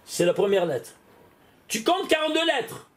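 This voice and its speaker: A man, a rabbi, giving an animated Torah lesson, often exclaiming and putting questions straight to the listener. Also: very high voice, normal speed. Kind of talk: lively spoken Torah lesson.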